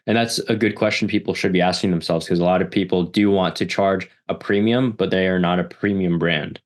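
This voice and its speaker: A man's voice: sits low, steady tone, brisk. A man hosting a business interview, summing up and affirming his guest's points. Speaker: podcast host.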